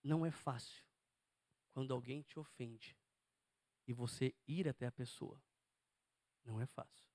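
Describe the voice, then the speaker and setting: A man's voice: mid-range voice, measured pace, pauses often, a little mellow, dry recording, clean studio sound. A man preaching a sermon to a congregation, emphatic and often asking them questions.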